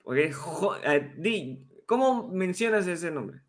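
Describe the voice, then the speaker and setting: A Peruvian man co-hosting a livestream, cracking deadpan quips in casual banter. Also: high voice, slow. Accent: Peruvian Spanish. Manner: deadpan quips, ends lines with "pe, mano". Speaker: livestream co-host. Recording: loud crowd noise behind.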